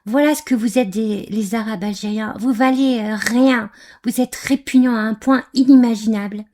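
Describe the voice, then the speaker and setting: A woman's voice: on the high side, fairly even intonation, moderate pace, darkish tone. A woman from Algeria giving angry, scornful reaction commentary on a video, with frequent hesitations. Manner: scornful, insulting, hesitant with many fillers.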